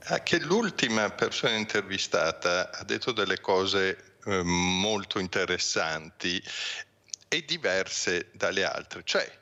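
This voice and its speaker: A male linguistics professor, a guest on a morning television show, giving a measured, explanatory commentary full of reasoned asides. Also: low voice, very animated, sharp tone.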